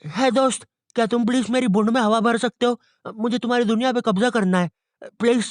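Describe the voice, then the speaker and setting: A young man voicing a male balloon monkey invader from a cartoon, who begs in a soft, breathy, wheedling voice. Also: extremely high pitch, steady tone, fairly quick, no echo, clean studio sound. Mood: pleading. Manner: wheedling, begging.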